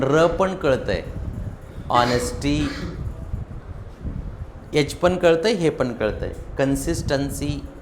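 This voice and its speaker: Male speaking trainer, fairly high and very lively voice, emphatic lecture to a room. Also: slight background noise. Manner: animated and emphatic, demonstrating loud and soft delivery. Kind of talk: motivational classroom lecture.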